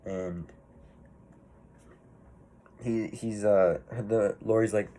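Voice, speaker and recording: Male movie reviewer, low voice, casual rambling delivery, swears often. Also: steady tone, very slow, mellow. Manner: rambling, swears freely, many fillers and restarts.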